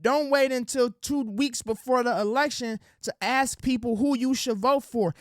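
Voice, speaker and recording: A political commentary host with a very high-pitched voice speaks at a moderate pace in a close, dry recording without room sound. His direct-to-camera monologue is preachy and slangy and is addressed to ladies and gentlemen. For acted-out quotes, he switches to a soft, sweet-talking tone.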